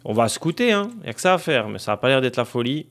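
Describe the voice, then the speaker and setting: A man's voice: medium pitch, very animated, fast, a bit bright. A young man casually commenting on a football career game, thinking aloud with many fillers and addressing viewers directly. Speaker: gaming streamer.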